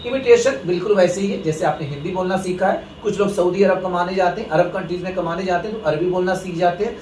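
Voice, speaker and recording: A man's voice: high-pitched, quick pace, darkish tone, distant mic, a little hiss or hum. Echoey man teaching in Hindi. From India. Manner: explaining, addresses viewers as friends. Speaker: English teacher. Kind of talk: Hindi lesson talk.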